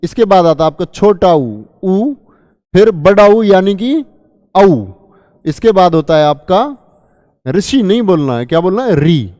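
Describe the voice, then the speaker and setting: Male teacher, high voice, quizzes then answers himself, dry close sound, long reverb tail. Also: lively intonation, measured pace, mellow. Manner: asks students questions and answers them himself; calls listeners children. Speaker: Hindi teacher. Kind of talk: exam-prep grammar lesson.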